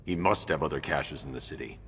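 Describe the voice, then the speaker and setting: An actor playing a grim masked vigilante who speaks in curt, commanding orders for a video game. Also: male voice, brisk, a bit bright, exaggerated voice. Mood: stern. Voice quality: deep and gravelly. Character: grim masked vigilante, stern adult man. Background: game music score.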